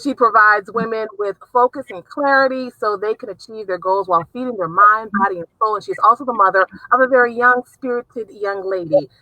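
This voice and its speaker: A woman's voice: fairly high pitch, fairly quick, few pauses, bright, forceful tone, dry recording, low-quality recording. A woman with a New Orleans accent, hosting a casual interview with enthusiastic, talkative energy. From South Louisiana. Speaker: host.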